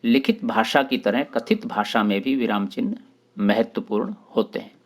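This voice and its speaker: A man hosting his own channel and teaching a grammar lesson for exam preparation, explaining terms one by one with short pauses. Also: fairly low pitch.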